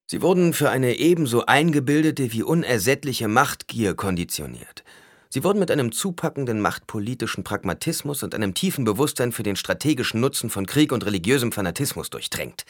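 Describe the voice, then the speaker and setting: Male reader as a patient, lecturing advisor, lively delivery, dry close sound. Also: mid-range voice, dry recording, voice pushed up. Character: calm, lecturing male advisor, cool and philosophical. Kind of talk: audiobook character voice.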